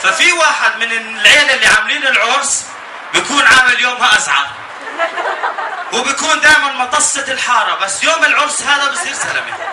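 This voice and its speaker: A man with a Jordanian accent doing stand-up comedy as an animated, escalating rant, telling stories and acting out bits. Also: extremely high pitch, quick pace. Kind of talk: stand-up comedy about weddings. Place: live comedy show before an audience. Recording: echoey live venue, distant, noisy laughing crowd.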